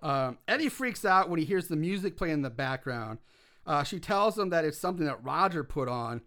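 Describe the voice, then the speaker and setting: A man's voice: a little high, lively intonation, fairly quick, bright, forceful tone. A man co-hosting a casual podcast, recapping a movie scene by scene, chatty and swearing, with frequent laughs.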